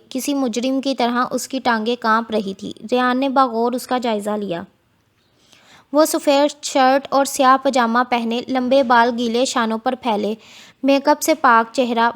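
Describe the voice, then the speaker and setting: Woman with a high voice reading a romance novel, steady audiobook narration.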